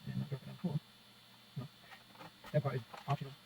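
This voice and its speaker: Working indoors at a repair bench, a man presents a radio repair how-to, muttering each step to himself and the viewer in a casual way. His medium-pitched, dark voice is fast and fairly flat, with vocal fry. The sound is dull and lo-fi with faint noise.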